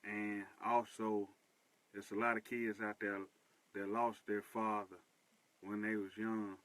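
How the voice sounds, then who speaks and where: A man hosts a personal monologue. His voice sits low and sounds bright and forceful, and he repeats himself for emphasis. The recording is dry and close. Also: flat delivery, slow pace, no echo, poor audio. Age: 30s. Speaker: host.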